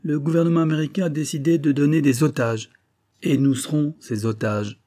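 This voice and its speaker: A man voicing a calm, firm, older American billionaire with a stately manner, in an audiobook. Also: a little high, a little fast, pitched above the performer's own voice, close to an everyday voice. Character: older male American billionaire, phlegmatic, stubborn.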